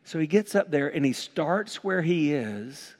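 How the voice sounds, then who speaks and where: A middle-aged pastor preaching a sermon in a church, his voice swelling from quiet to loud. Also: a little high, animated, unhurried. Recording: long hall reverb.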